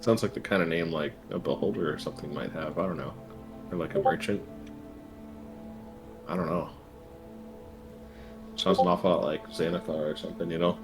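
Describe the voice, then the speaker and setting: A man's voice: sits low, fairly even intonation, fairly quick, pauses often, music in the background. A man playing a tabletop game, talking in a rambling, joking way full of hedges. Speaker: player. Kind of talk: casual tabletop play.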